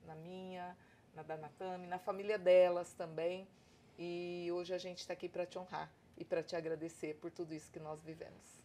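A woman's voice: fairly low pitch, level tone, normal speed, noisy background. A Brazilian woman guest on a podcast, speaking earnestly and gratefully in spiritual terms. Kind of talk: heartfelt podcast testimony.

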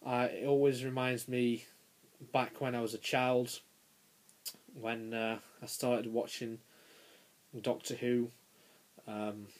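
About nineteen, a young YouTube toy reviewer gives a casual, unscripted review from a small bedroom, halting and pausing mid-phrase. His mid-range voice stays level in tone. The audio comes from a handheld camera's built-in mic.

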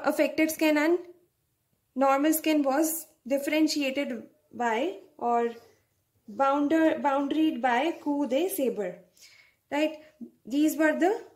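A woman's voice: high-pitched, a little mellow. A young woman giving a medical lecture, explaining step by step and often checking with a "right?".

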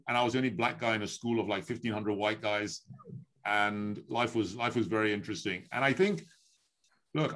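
A man's voice: lowish voice, fairly bright tone. A man in his fifties from Ghana, hosting a video call interview from home in a friendly, chatty, upbeat way, often repeating phrases. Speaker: host. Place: home room with wooden beams. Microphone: video call webcam.

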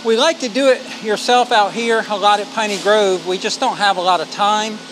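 A man's voice: high voice, steady tone, moderate pace, noisy background. A middle-aged man, talking casually to a phone held at arm's length outdoors while explaining a concrete pour. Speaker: homestead vlogger. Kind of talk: casual walk-and-talk narration. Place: outdoors on a rural building site.

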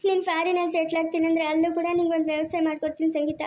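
A woman's voice: very high-pitched, flat delivery, rapid-fire, darkish tone. A woman acting a remorseful mother who pleads tearfully to get her son back, in an amateur family skit. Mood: begging.

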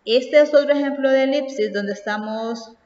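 A woman teacher giving a recorded class lesson, explaining slowly and reading examples aloud. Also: high-pitched, darkish tone. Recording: far off, roomy echo, dull sound.

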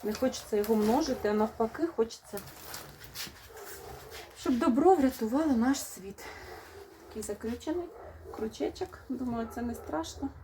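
Warm-voiced chatty woman vlogger. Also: a little high, expressive, normal speed, pauses often, a little hiss or hum. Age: adult, has a young child. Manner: fond, chatty, talks to viewers. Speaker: rose gardening vlogger. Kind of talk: casual unboxing chat.

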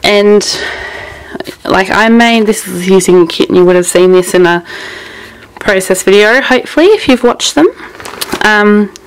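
A young woman with a creaky voice, chatting casually and rambling through a craft room tour, laughing often. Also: medium pitch, moderate pace, a little hiss or hum, poor audio. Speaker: craft vlogger.

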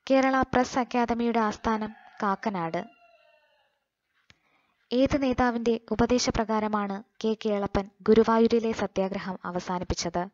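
Taking her time with each item, a Malayali woman reads exam-coaching quiz questions and answers aloud in a slightly high, darkish voice. Her delivery is measured with fairly even intonation. The dry, somewhat muffled recording has no sense of room around her.

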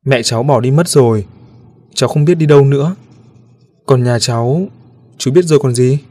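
Guy voicing a lonely little ghost kid, earnest and gentle, slightly raised pitch, spooky story reading. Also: normal speed, lightly acted. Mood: earnest, wistful. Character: lonely little ghost boy, a wistful servant child.

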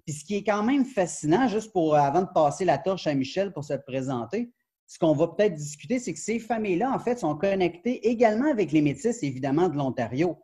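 Animated Québécois man on a webcam. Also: high voice, fairly quick, breathy edge. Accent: Quebec French. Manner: animated, gestures a lot, many fillers and restarts. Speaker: professor and book author, guest. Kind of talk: academic interview over video call. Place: glass-walled sunroom indoors. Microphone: video call webcam.

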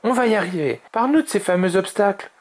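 A man's voice: high voice, animated, quick pace, voice pushed up. A man reading aloud and voicing a young, cheerful, playful male dragon. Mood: upbeat. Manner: upbeat, playful.

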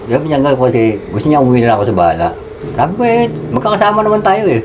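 Guy talking fast about his prison days, noisy background, goes quiet and low when he reflects. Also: big pitch swings. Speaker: interviewee, former gang member. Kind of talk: casual recounting of prison life.

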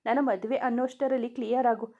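A woman's voice: a little high, fairly even intonation, fairly quick, close to an everyday voice. A woman reading the lines of a cheerful young man teasing his friend in a knowing way. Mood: amused. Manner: jokey, knowing. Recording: dull lo-fi recording.

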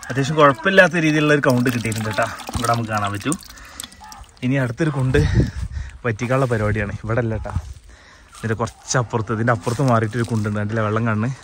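A quick, chatty man in his thirties with a Kerala accent talks outdoors into a handheld phone camera. He explains everything to his viewers in a casual, running commentary. Faint noise sits behind his voice. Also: medium pitch. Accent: Malayalam, Kerala. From Kerala, India. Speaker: fishing vlogger. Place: outdoors in paddy fields and a yard. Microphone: phone camera held by the speaker.

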